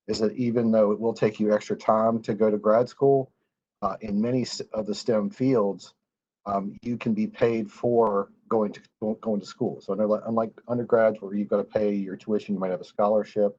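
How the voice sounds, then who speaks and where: A man's voice: lowish voice, steady tone, moderate pace, warm tone, dull audio. A man on a panel explaining graduate school, hesitant and full of fillers and restarts.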